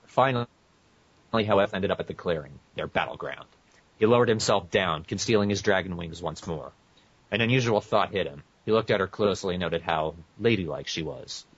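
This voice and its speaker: Reading fan fiction aloud on a podcast he co-hosts, this man has a low, brisk voice with a breathy edge. His casual asides come with frequent trips over words that he goes back to fix. The recording is muffled, echoey and lo-fi.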